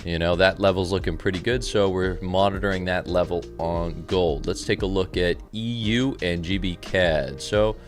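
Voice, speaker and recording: Calm soft-spoken man, radio-DJ smoothness. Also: low-pitched, normal speed, few pauses, soft background music. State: a little tired. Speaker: trading livestream host. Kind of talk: live market commentary reading chat.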